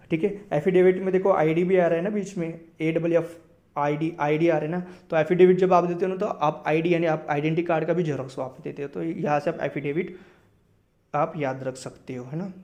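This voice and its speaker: Indian man teaching vocabulary, fairly high voice. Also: fairly even intonation, a little fast, a little mellow, muffled recording. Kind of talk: explaining lesson in Hindi and English.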